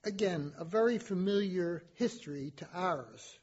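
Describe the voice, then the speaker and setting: A man voicing a formal, aloof male Martian ambassador who speaks in a slow, measured way in an audio drama. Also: high-pitched, animated, a little mellow, slightly rough, dull audio, exaggerated voice. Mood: solemn.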